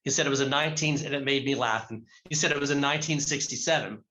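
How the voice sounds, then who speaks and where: Guy hosting an online event, bright voice, chatty. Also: mid-range voice, quick pace. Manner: friendly, chatty. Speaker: host.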